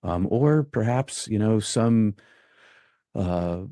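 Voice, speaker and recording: A very deep, mellow, expressive American man speaks slowly as an interview guest, recorded dry and close with no echo. He rambles reflectively, thinking aloud with frequent ums and restarts as he works through his thoughts.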